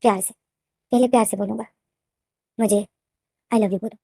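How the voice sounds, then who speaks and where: A woman voicing a possessive, menacing young male student who talks in a soft, smug, threatening way, in a plainly read story. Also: medium pitch, fairly even intonation, normal speed, vocal fry, no echo, clean studio sound.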